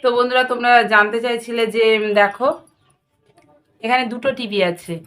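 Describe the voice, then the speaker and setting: A woman's voice: fairly high pitch, fairly even intonation, brisk, fairly bright tone. A woman vlogging her daily routine as a home tutor, chatting casually and directly with her viewers.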